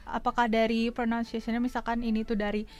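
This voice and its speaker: A woman's voice: on the high side, little pitch movement, fast. A woman hosting a casual podcast, asking curious questions and answering with short agreeing replies.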